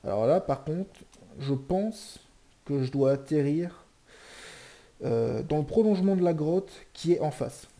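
Rough-voiced gamer yelling in panic. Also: male voice, on the high side, animated, unhurried. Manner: jokey, swearing, shouts in panic then mutters. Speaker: gaming streamer. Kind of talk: live Minecraft let's play commentary.

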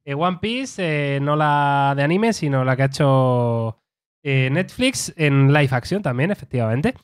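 A man's voice: medium pitch, lively intonation, measured pace, clean tone. A man from Spain co-hosting a casual tech podcast, chatty and rambling with filler words. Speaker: podcast co-host. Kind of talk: casual chat.

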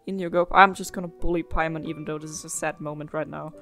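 A woman's voice: low-pitched, fairly even intonation, fast, a bit bright, soft background music. A young woman giving casual, reactive let's play commentary in a rambling way. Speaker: gaming let's player.

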